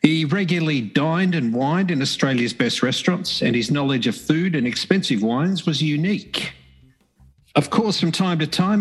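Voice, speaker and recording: A man's voice: on the high side, breathy edge, low-quality recording. A man hosting a podcast, reading a scripted story in a slightly wry manner. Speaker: podcast host.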